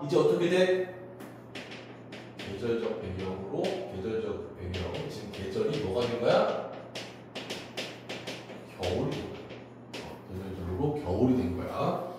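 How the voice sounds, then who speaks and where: A man teaching a class, lively and talkative, asking questions and then answering them himself. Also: a little high, a little hiss or hum. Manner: animated, asks and answers his own questions. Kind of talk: classroom lecture. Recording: distant echoey classroom recording.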